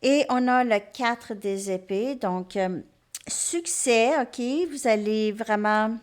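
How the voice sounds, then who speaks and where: A woman gives a tarot reading to her viewers, gently reassuring them and often checking in with them. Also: on the high side, takes it slowly, clear, resonant tone. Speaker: tarot reader.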